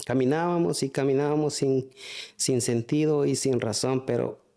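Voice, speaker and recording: Halting man giving church testimony. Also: mid-range voice, mellow. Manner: halting, many restarts and fillers. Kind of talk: spoken testimony.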